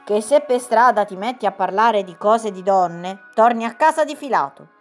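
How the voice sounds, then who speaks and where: A woman voicing a sickly, gloomy old king who talks loudly and grumbles, in a storybook reading. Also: mid-range voice, normal speed, soft background music, natural voice. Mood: worried.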